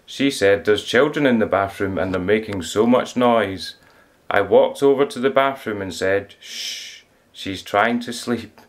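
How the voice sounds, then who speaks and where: A man's voice: on the low side, moderate pace. A man, a care worker, recounting memories from work in a matter-of-fact way. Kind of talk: first-person story reading.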